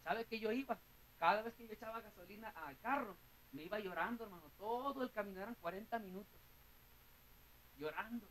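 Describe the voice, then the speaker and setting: A man's voice: high voice, brisk, fairly bright tone, a little hiss or hum, low-quality recording. A man with a Mexican Spanish accent preaching a sermon and telling his own story, earnest, often repeating words and calling the listeners brother. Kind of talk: sermon with personal testimony.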